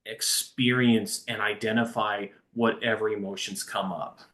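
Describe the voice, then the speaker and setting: A man with a fairly low voice speaks a little slowly as a recovery-coach guest in a conversational interview. He tells his story earnestly and grows animated.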